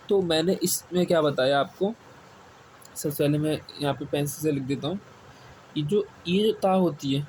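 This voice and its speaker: Male tutor, fairly high voice, patient classroom lecture, repeats each point, faint hiss behind. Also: a little mellow. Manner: asks questions and answers them himself, repeats key words slowly. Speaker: Quran reading teacher. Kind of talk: step-by-step classroom explanation. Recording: faint background noise.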